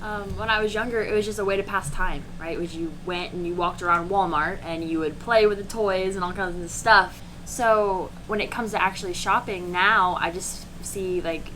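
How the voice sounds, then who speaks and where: A woman's voice: mid-range voice, normal speed, hardly any pauses, slight background noise, low-quality recording. A twenty-one-year-old woman from Indiana, chatting casually as an interview guest. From Indianapolis, Indiana, USA. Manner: casual, relaxed, starts with "um".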